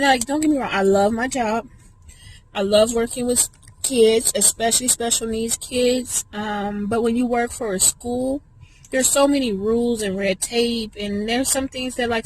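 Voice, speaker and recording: A woman's voice: on the high side, a little hiss or hum, poor audio. Chatty woman talking while she eats. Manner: chatty, rambling, talks while eating. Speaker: vlogger. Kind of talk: casual mukbang chat.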